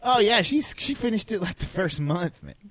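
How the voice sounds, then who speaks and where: A man co-hosting a podcast in casual chat, crude and joking, often breaking into shouted bits. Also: high-pitched, lively intonation, normal speed, dry recording. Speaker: podcast co-host.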